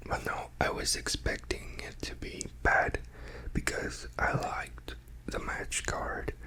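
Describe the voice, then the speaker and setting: Slow, quiet late-night ASMR whisper. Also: rough recording. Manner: rambling, trailing off between thoughts. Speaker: ASMR creator talking to followers. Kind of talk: whispered ASMR ramble, casual chat.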